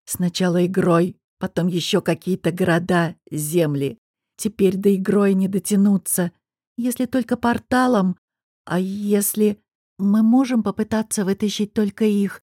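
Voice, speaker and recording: A woman narrates a first-person fantasy audiobook in an even, expressive manner. Her voice is warm and mellow with a soft, breathy edge, and the recording is close and dry. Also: medium pitch, unhurried, no room sound.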